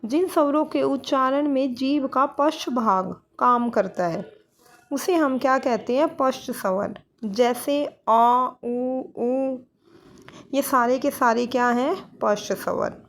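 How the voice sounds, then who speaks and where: A woman's voice: high voice, a little slow. A woman teaching a grammar lesson for exam students, posing questions and answering them herself, with English words mixed in. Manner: mixes English words into Hindi.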